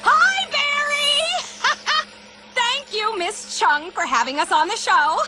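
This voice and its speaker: A shrill, gushing bee mom. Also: female voice, sing-song, a little slow, sharp tone, soft background music, exaggerated voice. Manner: gushing, fussing. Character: doting bee mother, fussy and gushing. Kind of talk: video game cutscene acting.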